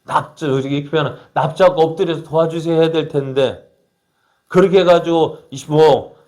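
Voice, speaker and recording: Questioning preacher with a higher male voice. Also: normal speed, darkish tone. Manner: storytelling preacher who asks the congregation questions and acts out quoted lines. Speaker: pastor. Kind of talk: sermon. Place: church.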